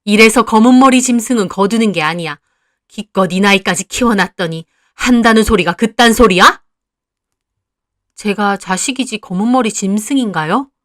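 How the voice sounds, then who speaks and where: A woman's voice: medium pitch, moderate pace, pushed and bright, dry recording, clean studio sound, natural voice. A woman voicing a cold, harsh middle-aged mother who scolds her daughter with contempt.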